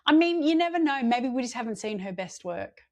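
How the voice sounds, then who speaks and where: A woman co-hosting a casual chat podcast, chatty with quick self-mocking asides. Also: a little high, lively intonation. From Australia. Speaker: podcast co-host. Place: home or work, remote recording.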